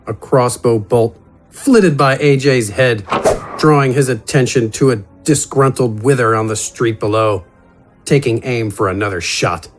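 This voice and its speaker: A man who works as a narrator and voice actor reads scripted fantasy adventure narration in a dramatic storytelling style, with music in the background. His voice is medium in pitch and unhurried.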